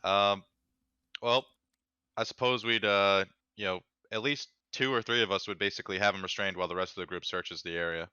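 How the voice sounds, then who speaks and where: A man talks casually as a player in a tabletop game. His voice is low yet forceful, his manner informal and halting, and the sound is dry and a little lo-fi. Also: steady tone, clean tone, dry recording.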